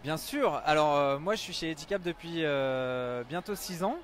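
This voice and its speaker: A man's voice: fairly high pitch, moderate pace. A young man in his twenties working in research and development, answering with enthusiasm into a handheld mic at a busy indoor trade stand. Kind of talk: live event interview. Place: busy indoor exhibition hall. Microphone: handheld mic held by the interviewer.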